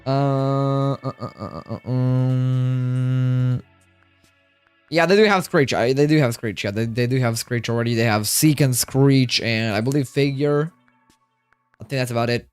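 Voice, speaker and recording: Tired male livestreamer, rambles and repeats lines to chat; smooth voice, dry close sound. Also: mid-range voice, measured pace, dry recording, faint music behind.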